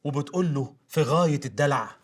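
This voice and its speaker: A man's voice: on the high side, quick pace, natural voice. An actor playing a 1940s radio announcer who narrates a drama theatrically, with an Egyptian accent and impatient asides to his crew. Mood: measured. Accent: Egyptian Arabic. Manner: theatrical, snapping orders in asides.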